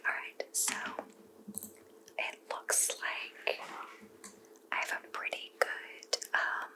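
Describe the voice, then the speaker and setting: A woman speaks in a hushed library whisper, very slowly and gently. It is a whispered role-play in which she is a helpful librarian, with pauses and halting phrasing. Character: helpful goth librarian recommending books. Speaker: librarian in a point-of-view roleplay.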